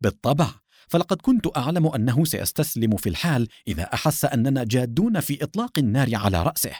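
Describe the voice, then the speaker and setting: A man's voice: medium pitch, big pitch swings, quick pace, darkish tone, breathy edge, no room sound, studio quality. Man voicing a cool-headed heroic captain. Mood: confident. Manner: firm and confident, teasing. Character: bold, cool-headed male captain hero.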